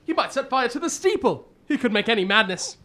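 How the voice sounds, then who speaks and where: A woman playing a loyal, excitable male sidekick doctor in old-time radio drama style, earnest and indignant. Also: fairly high pitch, fairly quick. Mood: alarmed.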